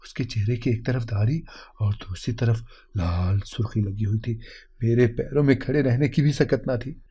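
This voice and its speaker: A man's voice: medium pitch, dark tone, husky. A man narrating an emotional moral story in an earnest, heartfelt reading.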